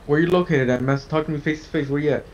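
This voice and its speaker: A man's voice: fairly high pitch, rapid-fire, crowd noise. A man playing a police negotiator in a game roleplay, coaxing and casual in tone. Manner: coaxing, casual street talk. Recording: dull lo-fi mic with faint noise.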